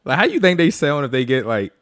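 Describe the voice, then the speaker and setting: A man's voice: medium pitch, sing-song, fast talker, a bit bright, clean tone, no echo, studio quality. A man co-hosting a podcast, laid-back and slangy, laughing easily as he talks. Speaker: podcast co-host. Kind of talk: casual chat. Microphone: podcast mic.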